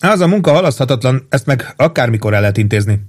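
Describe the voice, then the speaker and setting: A man's voice: medium pitch, animated, husky, voice pushed up. A man reading an audiobook, voicing a pompous, fussy middle-aged army captain with a raised, insistent, self-satisfied voice. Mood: bossy.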